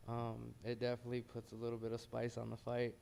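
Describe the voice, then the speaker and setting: Gravelly American man, relaxed fighter talk. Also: medium pitch, fast talker, a little hiss or hum. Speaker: heavyweight boxer. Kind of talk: casual pre-fight interview.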